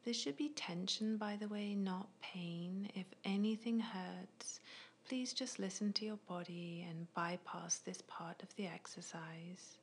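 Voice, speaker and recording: A woman guiding a progressive muscle relaxation in a soft, unvoiced ASMR whisper, with slow, gentle, soothing instructions. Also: mid-range voice, slight background noise. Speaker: relaxation guide.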